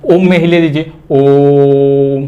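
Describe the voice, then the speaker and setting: Slow, repetitive higher-voiced male teacher. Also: lively intonation, narrow, tinny audio. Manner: repeats key words and asks questions he answers himself; stretches vowel sounds long to demonstrate. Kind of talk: exam-prep grammar lecture.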